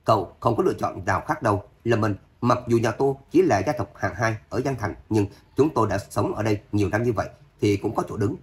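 A man's voice: on the low side, fairly quick, hardly any pauses, lightly acted. A man voicing a stern, scheming elderly family matriarch in an audio story, resolute and threatening. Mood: defiant threat.

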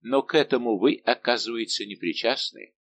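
A man's voice: mid-range voice, normal speed, vocal fry, close to an everyday voice. A man reading an audiobook, voicing a haughty young king who questions and rebukes with indignation. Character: haughty young male king, imperious and angered.

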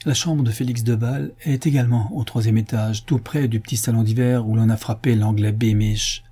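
A man reading the part of a brisk, impatient police commissioner in an audiobook, questioning sharply. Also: medium pitch, steady tone, warm tone, breathy edge, natural voice.

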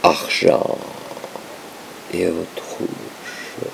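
A man gives a performative poetry reading in a low-pitched, gravelly, creaky voice with a steady tone. His delivery is halting and dramatic, broken into short phrases, and background noise can be heard.

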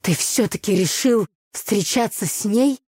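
A woman voicing an angry, jealous young man in an audiobook, speaking with slow, sneering emphasis. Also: medium pitch, darkish tone, no echo, studio quality, pitched above the performer's own voice, natural voice. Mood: bitter. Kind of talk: audiobook character reading.

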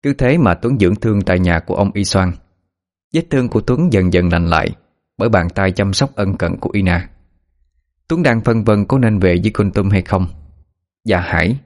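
A man narrating a story at a steady, even pace. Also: low-pitched. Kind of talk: scripted narration. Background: faint music.

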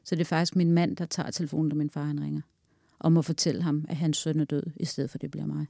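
A woman's voice: low voice, flat delivery, gravelly, mellow, no room sound, clean studio sound. A woman in her forties recounting a personal loss in an interview, candid and earthy, telling it in vivid detail.

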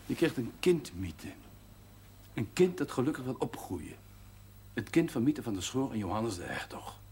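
A man with a lowish, slightly rough voice plays up an exaggerated delivery as a blunt village doctor lecturing his patients in a 1970s TV drama. He speaks Dutch with a hard northern G, heard on an old soundtrack with faint hiss.

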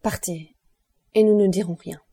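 A woman reading an audiobook voices a proud young woman, sharp and commanding. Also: mid-range voice, steady tone, moderate pace, breathy edge.

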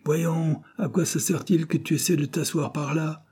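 A man voicing a shrill, ill-tempered working wife who scolds and shouts. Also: steady tone, moderate pace, husky. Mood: scolding. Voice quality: piercing, shrill.

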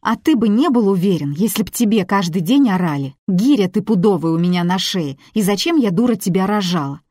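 Woman doing a runaway teen girl, stubborn, defensive, loud indignant bursts, higher voice, dry close sound. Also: expressive, fairly quick, dry recording, lightly acted. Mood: bitter.

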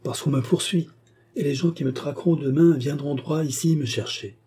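A resolute young courtesan speaks in a raised, husky tone, firm and secretive, keeping her composure, as a male reader puts her on. The voice stays very dark and mellow underneath. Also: fairly high pitch, moderate pace, pitched above the performer's own voice. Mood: firm, composed. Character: cool-headed resolute young courtesan woman.

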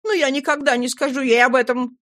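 A woman voicing a proud young woman who sobs and complains in a high wail. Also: fairly even intonation, brisk. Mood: tearful outrage. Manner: high, loud, wailing complaint. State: sobbing. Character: proud young woman, tearful and self-pitying.

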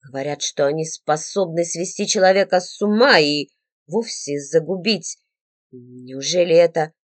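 A woman's voice: sits low, normal speed, no room sound, pitched below the performer's own voice. A woman voicing a young man who talks hesitantly, then earnestly. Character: young man, frightened but devoted. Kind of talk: audiobook character voice.

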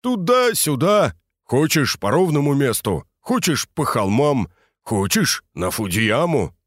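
A man's voice: medium pitch, very animated, takes it slowly, dry recording, clean studio sound, voice pushed up. A man voicing a boisterous, bantering Moscow drinker nicknamed the cruiser, in an audiobook. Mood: hearty. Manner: loud, hearty, bantering.

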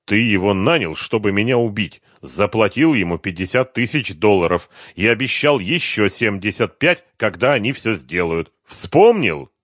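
A man's voice: on the low side, animated, fairly bright tone, no echo, studio quality. A man doing a cold menacing avenger. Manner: measured, threatening, scornful.

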